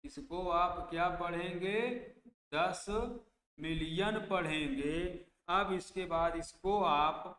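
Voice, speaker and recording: Slow-paced male math teacher, echoey room. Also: fairly high pitch, steady tone, a bit bright. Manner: slow, repeats place values and asks then answers his own questions. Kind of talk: exam-prep math lesson. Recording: echoey room with long reverb, faint background noise.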